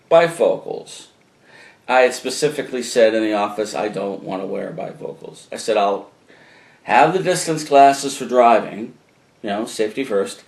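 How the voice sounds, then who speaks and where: A man's voice: medium pitch, darkish tone. A man with a New England accent talking casually to a camcorder at home, rambling and chatty with lots of fillers and asides. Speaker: musician video blogger. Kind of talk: casual talk to camera. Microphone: camcorder microphone. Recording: roomy echoey room.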